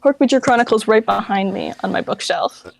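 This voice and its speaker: Poor audio captures a woman's creaky, mid-range voice moving fairly quickly. She founded a fan project and, as an interview guest, answers casually in a rambling, informal style, often correcting herself.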